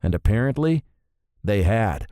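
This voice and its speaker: A male audiobook narrator with a low, mellow voice and a wry, sardonic first-person delivery. The close studio mic keeps the sound dry, with no room around it. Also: big pitch swings, measured pace, dry recording. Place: recording studio.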